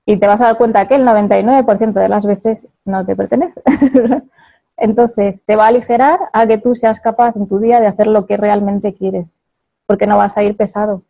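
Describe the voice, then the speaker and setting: Gravelly-voiced woman with a Spain Spanish accent. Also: mid-range voice, fairly even intonation, normal speed, muffled recording. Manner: chatty, laughs often, checks in with "¿vale?". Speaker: speaker giving a talk. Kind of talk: motivational talk to an audience.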